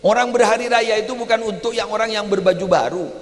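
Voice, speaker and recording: A man with a Madurese accent giving a humorous Islamic sermon, swinging between low asides and loud animated exclamations. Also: quick pace. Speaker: preacher. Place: large mosque hall. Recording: echoey mosque hall with long reverb.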